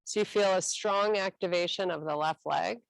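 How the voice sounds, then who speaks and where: A woman instructor guiding a stretching class with calm, encouraging cues. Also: on the low side, vocal fry, dry recording, poor audio. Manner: calm, encouraging cueing with a slow, unhurried delivery.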